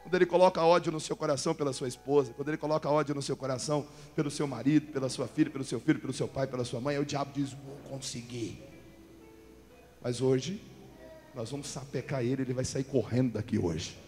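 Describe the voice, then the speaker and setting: A male pastor preaching a fervent Pentecostal sermon, swinging from quiet talk to shouting. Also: mid-range voice, fairly even intonation, very fast, few pauses. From Brazil. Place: large church hall. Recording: church hall reverb with faint music.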